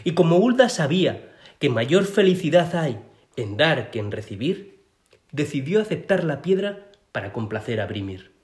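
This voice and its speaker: A man reading a children's story aloud as narrator, in an expressive way. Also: on the high side, normal speed. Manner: expressive, sing-song reading.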